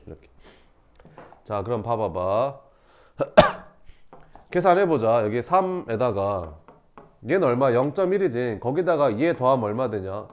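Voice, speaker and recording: A man's voice: mid-range voice, darkish tone. A man teaching a math lesson, walking students through each step by asking questions and answering them himself. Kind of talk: recorded math lesson explaining problems. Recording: slightly dull lo-fi recording.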